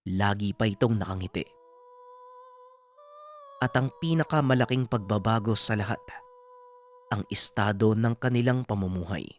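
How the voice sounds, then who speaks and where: Very low-voiced woman storyteller. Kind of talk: folk horror story narration.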